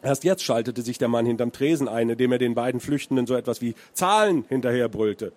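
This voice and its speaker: A man's voice: mid-range voice, fairly even intonation, fast talker, dark tone. A man from Hesse, a crime author, reading from his novel and then answering questions with many hesitant fillers. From Hesse, Germany.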